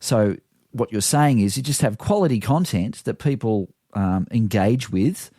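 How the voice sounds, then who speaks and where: A man's voice: fairly low pitch, expressive, measured pace, dark tone, husky, no echo, studio quality. A man hosting a podcast, asking his guest questions in a casual, self-deprecating way. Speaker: podcast host. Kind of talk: conversational podcast interview.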